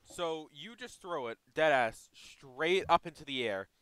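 A man's voice: fairly high pitch, lively intonation, unhurried, fairly bright tone, smooth, no echo, poor audio. A young man running a tabletop game as game master, talking in a loose, slangy way with lots of fillers.

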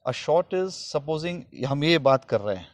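A man's voice: on the high side, lively intonation, takes it slowly. Chatty screenwriter man, Hindi-English mix. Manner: mixes English phrases into Hindi, frequent "है ना?" check-ins. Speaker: film screenwriter, interview guest. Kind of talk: relaxed conversational explanation.

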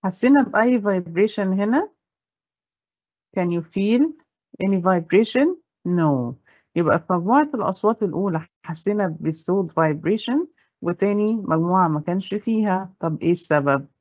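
A woman with an Egyptian accent teaching English pronunciation. She says the English slowly and carefully and explains quickly in Arabic. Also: mid-range voice, lively intonation, a little mellow, no room sound, highs cut off. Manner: slow careful English, brisk Arabic asides. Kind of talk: bilingual classroom explanation.

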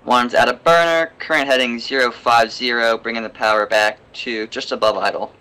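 A young man leading a flight in a flight simulator, mixing calm, clipped radio calls with casual chat. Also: medium pitch, normal speed. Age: young adult. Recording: clearly noisy headset voice chat.

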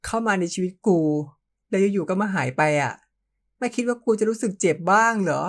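A man's voice: sits high, brisk, fairly bright tone, voice pushed up. A reader voicing a young man who is upset and tearful, snapping back with a trembling voice in an audio novel. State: crying. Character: flustered young man, teary and prickly.

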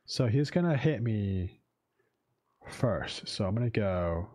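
A man's voice: on the low side, expressive, slow pace, a little mellow. A man streaming a card game, casually commenting and reading the game's text aloud as he muses. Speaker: game streamer and English teacher.

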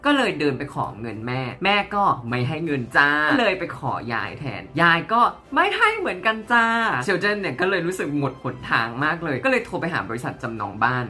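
A woman's voice: deep voice, sing-song, brisk, few pauses, pushed and bright, faint music behind. A woman teaching English in a chatty, playful storytelling way. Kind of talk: chatty social-media language lesson.

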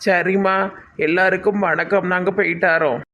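A man's voice: sits high, fairly even intonation, normal speed, sharp tone, highs cut off, slight background noise. A man in a comedy skit making announcements at a village puja.

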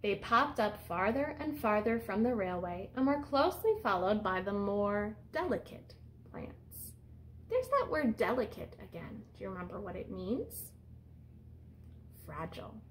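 In a small indoor room, a woman in her thirties reads a picture book aloud like a teacher, explaining things simply and asking young children questions. Her mid-range voice is sing-song and a little slow, her phrasing simple and instructive, with a slight hiss or hum.

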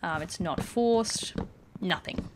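A woman's voice: fairly low pitch, slow pace, a little hiss or hum. A woman gaming YouTuber giving casual, rambling let's-play commentary with lots of "like" and "um" as she plays. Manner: chatty, rambling, many "like" and "um" fillers.

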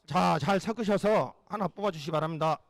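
Man, high-pitched, prize draw host, live event announcing, formal, polite. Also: a little fast, vocal fry.

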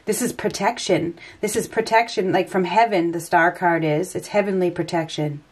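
Sitting indoors at a table, a tarot reader with a stuffy nose from a head cold turns the cards and thinks out loud in an unscripted reading. Her voice is fairly low, slightly rough, and steady in tone, at a normal speed, and she rambles hesitantly.

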